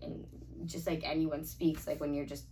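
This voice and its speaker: A woman's voice: sits low, little pitch movement, normal speed, dark tone. A young woman in casual chat, rambling with a constant "like" and casual swearing. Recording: slightly distant mic, faint background noise.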